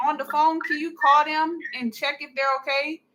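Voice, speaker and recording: Upset mom on a call, high bright voice, anxious, keeps pleading and repeating herself. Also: female voice, little pitch movement, normal speed, rough recording. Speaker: mother on a phone call. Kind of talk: emotional phone conversation.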